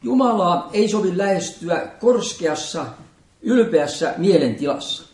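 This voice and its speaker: A man's voice: high voice, lively intonation, darkish tone, far from the mic. Solemn man preaching in an echoey church. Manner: solemn, measured liturgical reading. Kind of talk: sermon with scripture reading. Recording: echoey room, voice from off-mic.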